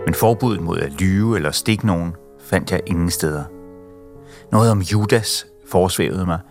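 A man with a deep, low voice reads a novel excerpt in a measured, expressive way. Faint music plays quietly beneath him. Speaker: reader. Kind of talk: literary reading.

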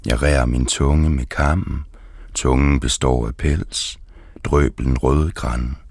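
A man reading his poetry aloud, slow and deliberate. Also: very deep voice, steady tone, gravelly, a little mellow, no room sound, studio quality.

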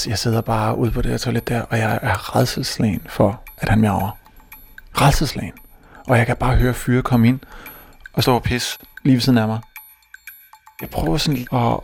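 Gravelly young Danish man telling a story. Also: mid-range voice. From Denmark. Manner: animated, stammering restarts, self-mocking. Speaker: stand-up comedian. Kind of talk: stand-up storytelling.

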